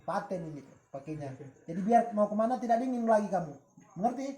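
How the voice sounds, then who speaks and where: A man's voice: sits high, animated, quick pace, mellow, echoey room. A man leading a spiritual healing session, switching between coaxing, reassuring talk and murmured Arabic prayers. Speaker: spiritual healer.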